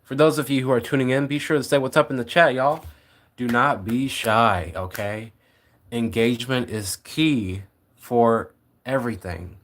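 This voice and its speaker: A man casually hosting a live reaction stream, relaxed and chatting with viewers. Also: medium pitch, normal speed. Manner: laid-back, thanks chat viewers by name. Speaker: livestream host.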